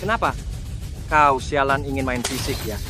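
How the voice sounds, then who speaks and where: A man's voice: medium pitch, moderate pace, natural voice. An actor playing an arrogant, spoiled young man who taunts and bullies aggressively in a dubbed drama. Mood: taunting. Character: arrogant young bullying brother-in-law, spoiled and sneering. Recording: dramatic music behind the voice.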